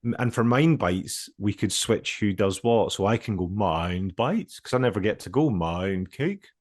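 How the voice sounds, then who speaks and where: A man's voice: lowish voice, lively intonation, normal speed. A man co-hosting a podcast in casual banter, blunt, joking and swearing freely. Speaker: podcast co-host.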